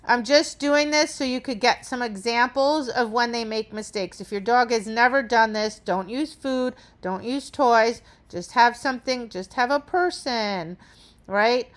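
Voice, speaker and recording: Explaining each step of a training demonstration, a woman dog trainer checks in with listeners by saying "right?". She has a slightly high voice and an unhurried delivery.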